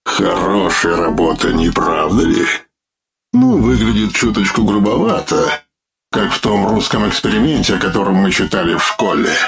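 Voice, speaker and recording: A male narrator voicing a severed living head that speaks in a droning, metallic, gravelly voice, slow, pained and coldly mocking. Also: very animated, over music, exaggerated voice. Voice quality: droning metallic voice, lacking naturalness; gravelly, low. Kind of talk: audiobook character voice.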